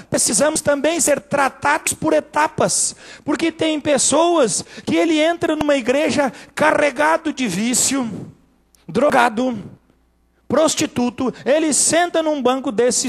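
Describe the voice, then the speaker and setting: High-voiced husky Brazilian pastor preaching. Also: male voice. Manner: dramatic storytelling, acting out dialogue. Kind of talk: sermon. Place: church.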